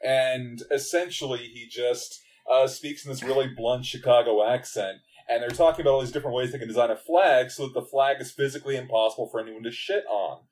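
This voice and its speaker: Man, mid-pitched, blunt and keen, casual swearing. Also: brisk, few pauses, a little mellow. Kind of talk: casual film discussion.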